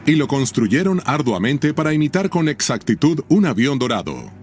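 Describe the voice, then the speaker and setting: A man's voice: medium pitch, very animated, normal speed. A man narrating a scripted documentary in a nature documentary style, dramatic and intriguing, often posing questions. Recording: music bed behind the voice.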